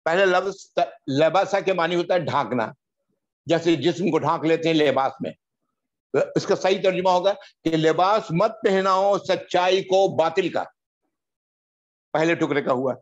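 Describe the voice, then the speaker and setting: A man teaching Quranic Arabic grammar word by word, drawing out each Arabic word slowly and then explaining it quickly. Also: on the high side, highs cut off. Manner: drawn-out recitation of Arabic words between quick explanations. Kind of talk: word-by-word grammar lesson in Urdu.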